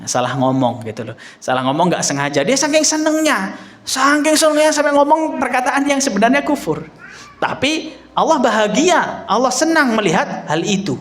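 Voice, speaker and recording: A young man with a very high-pitched voice preaches a casual sermon at a moderate pace, animatedly telling stories and acting out the voices of the people in them. He addresses his audience as Pak.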